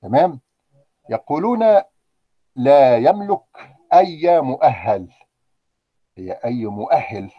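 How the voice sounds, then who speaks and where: A man's voice: medium pitch, animated, measured pace, long pauses, dry recording, highs cut off. A man with an Egyptian Arabic accent teaching a live language lesson in a conversational way, often checking in with "okay?" and putting questions to his students. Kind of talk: live online grammar lesson.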